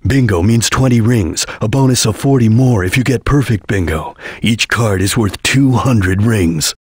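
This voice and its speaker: A man voicing a stoic, serious chameleon ninja in a video game, speaking in a terse, grave, deliberate way. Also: lowish voice, husky, no room sound, clean studio sound. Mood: calm, instructive. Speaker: video game character voice actor. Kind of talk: video game voice lines, hints and callouts.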